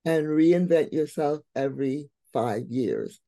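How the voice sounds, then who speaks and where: Older lady guest, mellow lively storyteller, dry close sound. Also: deep voice, slow, no room sound. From Barbados. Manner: warm, lively, humorous storyteller. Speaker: guest, brain and behavior coach. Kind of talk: storytelling in a radio interview.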